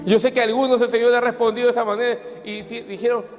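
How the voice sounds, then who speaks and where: High-voiced fervent preaching man. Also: level tone, racing. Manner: fervent preaching that rises to shouts. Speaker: pastor. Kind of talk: sermon. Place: church. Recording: hall reverb with soft music behind.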